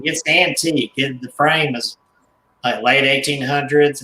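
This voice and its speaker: A man, a guest collector, telling stories in casual radio chat, rambling and halting with restarts and small chuckles. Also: medium pitch, pushed and bright, echoey room, slight background noise, poor audio. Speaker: guest, haunted doll collector and author.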